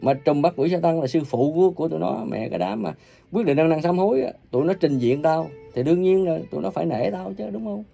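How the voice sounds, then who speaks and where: Gravelly man ranting a scolding sermon. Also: lively intonation, fast, faint music behind. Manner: scolding and cursing, coarse insults; uneven volume, bursts loud then drops low. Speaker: self-proclaimed religious preacher.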